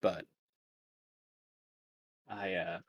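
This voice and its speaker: A man playing a grieving young dragon rider who speaks quietly and haltingly. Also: low-pitched, level tone, full character voice. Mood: somber.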